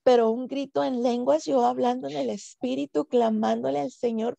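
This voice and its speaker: Gravelly woman telling a testimony. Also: high voice, mellow, no room sound. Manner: halting, with repeated words and fillers. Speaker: guest giving a faith testimony. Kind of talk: emotional personal testimony.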